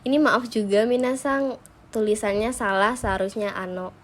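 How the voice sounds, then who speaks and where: Woman teaching a slow lesson. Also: fairly high pitch, fairly even intonation. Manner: addresses viewers often, reads example sentences slowly. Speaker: Japanese language teacher.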